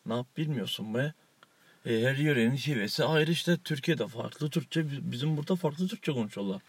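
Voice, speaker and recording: A man's voice: mid-range voice, lively intonation, normal speed, slightly rough, no room sound. A man co-hosting a casual, joking chat show, rambling and laughing often. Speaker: co-host.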